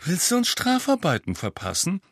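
A man's voice: high voice, huge pitch swings, moderate pace, a bit bright, breathy edge, dry recording, clean studio sound, voice pushed up, full character voice. A man voicing a mischievous teenage boy twin in a storybook reading, mock-concerned and teasing.

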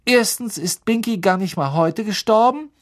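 A man's voice: high voice, moderate pace, dry recording, studio quality, pitched above the performer's own voice, lightly acted. A man reading an audiobook, voicing a clever schoolgirl who speaks carefully and reasons things out. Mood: reasoning. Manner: careful, reasoning, a bit lecturing. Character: earnest, know-it-all schoolgirl.

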